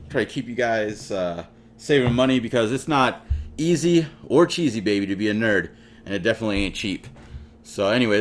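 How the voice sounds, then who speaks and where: A man's voice: medium pitch, slight background noise. A man hosting his own hobby channel, chatting casually and jokingly straight to his viewers. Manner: playful, jokey, talks straight to viewers. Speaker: channel host. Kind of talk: casual hobby vlog talk.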